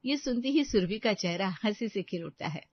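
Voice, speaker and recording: A woman narrating an animated family story, engaging and speaking directly to the listeners. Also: medium pitch, normal speed, slightly rough, dry recording. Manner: warm, engaging, addresses listeners. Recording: dry, slightly dull lo-fi audio.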